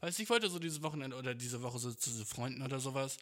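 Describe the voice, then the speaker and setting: A man's voice: medium pitch, fast. A man in his twenties, talking in a loose, rambling, slang-heavy monologue that swears a lot and mixes in English. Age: 20s. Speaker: podcast host and amateur musician.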